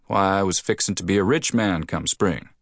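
A man's voice: low-pitched, moderate pace, no echo, clean studio sound. A male audiobook reader playing an easygoing young frontier marshal who drawls. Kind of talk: audiobook character voice.

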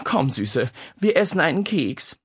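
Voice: mid-range voice, sing-song, a little slow, husky, pitched above the performer's own voice, exaggerated voice. A narrator voicing a harried mother of three in a children's audiobook. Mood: soothing. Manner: flustered, shouting commands.

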